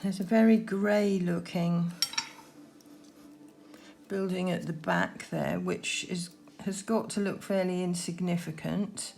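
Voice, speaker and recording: A woman giving gentle, unhurried painting instruction, talking through her work as she goes, with trailing pauses. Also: on the low side, steady tone, vocal fry. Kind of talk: unscripted painting demonstration, talking while working.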